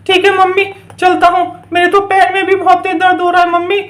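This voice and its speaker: A woman's voice: very high voice, monotone, fairly quick, echoey room. A woman voicing frightened small children who plead with their mother in a doll play story. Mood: whining. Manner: whining, pleading.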